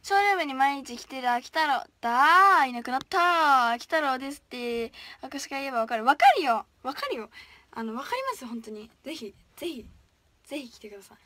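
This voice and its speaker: Bright, high-voiced young woman chatting. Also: expressive, fairly quick. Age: young, still a student. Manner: chatty and playful, drops to whispers while reading. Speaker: idol livestreamer. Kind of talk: casual livestream chat reading viewer comments.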